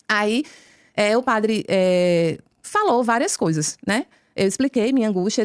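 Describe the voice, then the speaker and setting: Woman, Brazilian Portuguese accent, guest telling her testimony, animated storyteller acting out dialogue, rapid pace, dry close recording. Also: fairly high pitch, clean tone, no echo. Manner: lively storyteller who acts out dialogue. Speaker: podcast guest. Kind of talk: conversion testimony told as a story.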